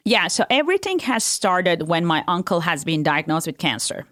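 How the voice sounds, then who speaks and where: A woman's voice: fairly low pitch, sing-song, normal speed, a bit bright, no echo, clean studio sound. A woman, a company founder speaking as a guest in a casual interview, earnest and leaning on fillers like "you know". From Turkey. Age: 40s.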